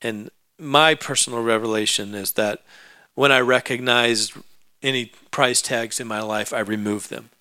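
A man's voice: medium pitch, fairly even intonation, measured pace, bright, forceful tone, clean tone, dry recording. A man preaching a sermon, telling a personal story in a conversational way that builds into emphatic preaching.

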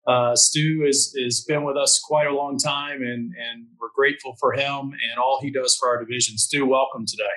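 A man hosting a podcast interview, friendly and a bit halting with fillers. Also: mid-range voice, fairly even intonation, sharp tone, poor audio. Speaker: podcast host.

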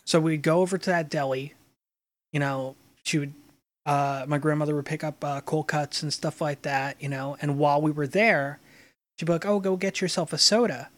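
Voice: medium pitch, fairly even intonation, normal speed. A speaker in a casual chat who tells wandering, reminiscing stories. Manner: meandering, reminiscing storytelling.

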